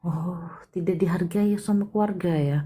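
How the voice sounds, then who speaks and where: Chatty low-voiced woman reading palms. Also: moderate pace, husky. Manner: chatty and expressive, with frequent exclamations. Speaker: palm reader hosting a live consultation. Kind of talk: casual live-stream reading.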